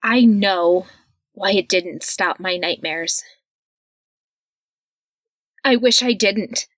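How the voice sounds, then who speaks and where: A woman's voice: medium pitch, drawn-out words, a bit bright, no room sound. A woman reading a scripted first-person horror story.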